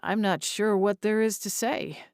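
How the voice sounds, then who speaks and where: A woman voicing a forlorn, bewildered man's ghost with halting delivery in an audiobook. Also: medium pitch, fairly even intonation, dry recording, clean studio sound, close to an everyday voice. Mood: bewildered, subdued. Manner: hesitant, halting. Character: bewildered, forlorn male ghost of a funeral worker. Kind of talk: audiobook character voice.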